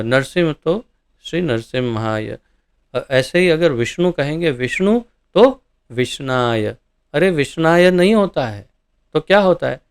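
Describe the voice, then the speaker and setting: An ISKCON preacher with a fairly high, clear, resonant voice teaches a devotional scripture class. He explains verses animatedly and keeps throwing rhetorical questions at his listeners.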